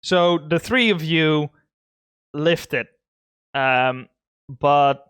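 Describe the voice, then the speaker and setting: A man's voice: fairly high pitch, very slow, smooth, no room sound, clean studio sound. A man running a tabletop game as game master, narrating loosely with fillers and frequent laughs. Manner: relaxed, laughing often, filler-heavy narration.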